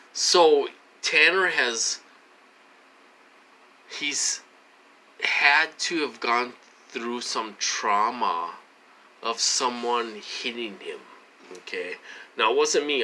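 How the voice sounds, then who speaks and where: A man's voice: mid-range voice, sharp tone, slight background noise, rough recording. A man vlogging in a casual, rambling monologue while having a drink, repeating himself and asking "okay?" as he goes.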